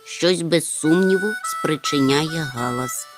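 A woman voicing a slow-witted, mild-mannered male creature obsessed with rare insects, who mutters to himself. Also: deep voice, over music. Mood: pedantic.

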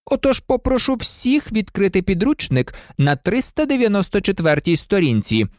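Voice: mid-range voice, very animated, no room sound, studio quality, pitched above the performer's own voice, natural voice. Snape, a reader voicing a cold silky professor. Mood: cold sneering. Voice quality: silky, slow and measured. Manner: icy, contemptuous. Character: cold sneering male professor, menacing.

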